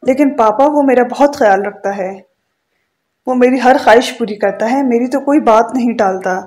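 A woman's voice: a little high, a little mellow, close to an everyday voice. A woman reading the part of a young wife who is hurt and reproachful toward her husband. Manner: wounded and reproachful.

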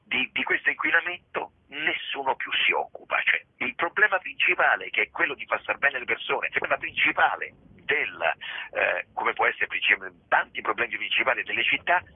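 A theatre director talks about his show in a radio interview over a telephone line, reflective and digressive with many restarts. His medium-pitched voice is husky with vocal fry, swings widely in pitch, and runs a little fast, with no room sound.

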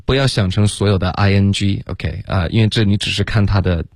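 A man teaching English pronunciation on a radio lesson, explaining patiently and slowing down to demonstrate each sound. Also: lowish voice, no room sound, studio quality. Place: radio studio.

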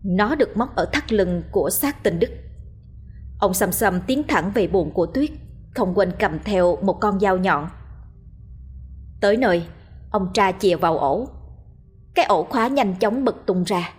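Husky woman narrating a ghost story. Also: mid-range voice, expressive, unhurried, long pauses. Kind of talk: scripted horror story narration.

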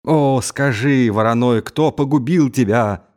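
A man's voice: medium pitch, measured pace, a little mellow, natural voice. A man voicing a drunken, raging young Mongol khan who is suspicious and given to wailing outbursts. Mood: wild, drunken.

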